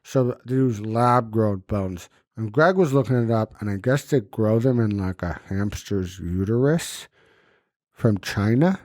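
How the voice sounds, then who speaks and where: A podcast host casually recounts a personal experience, talking loosely and cursing often. After surgery his lip is puffy and numb and his jaw is banded with dental splints, so his diction comes out muffled and impeded. His lowish voice is a little slow and mellow, captured in a dry recording.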